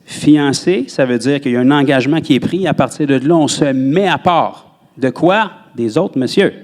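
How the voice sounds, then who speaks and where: A man with a Québécois French accent delivers a sermon from a church pulpit. His voice sits at a middle pitch and springs up sharply whenever he hits a word he wants to stress. He preaches in an animated way. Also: normal speed. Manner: animated preaching, rises sharply on emphasized words. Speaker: pastor.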